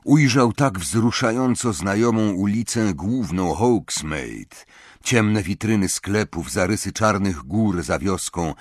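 A man narrates a fantasy audiobook in a lowish, husky voice that rises and falls with lively drama. The sound is dry and close to the mic, with no room around it. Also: dry recording. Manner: expressive, dramatic storytelling.

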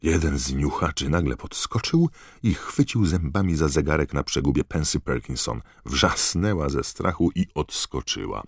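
A man reading an audiobook aloud in steady, even storytelling narration. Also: extremely low pitch, normal speed, husky, no echo, studio quality. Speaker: audiobook reader. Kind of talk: scripted narration.

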